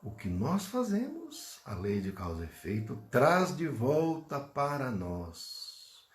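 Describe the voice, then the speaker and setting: A man with a Brazilian Portuguese accent giving a Spiritist talk. He tells a story animatedly and then turns gentle and hushed in prayer. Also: mid-range voice, wildly swooping pitch, takes it slowly. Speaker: Spiritist lecturer. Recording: roomy echo.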